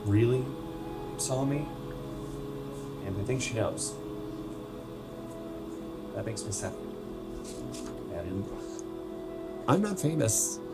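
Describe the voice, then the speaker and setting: In a radio play, an American man voices a troubled, injured young soccer player whose halting confession carries a bitter, sarcastic, profane edge. His low, expressive voice sounds sad and comes over loud music.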